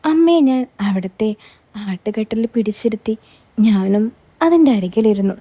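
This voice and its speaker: A woman narrating a scripted first-person story in a steady, measured reading voice. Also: on the high side.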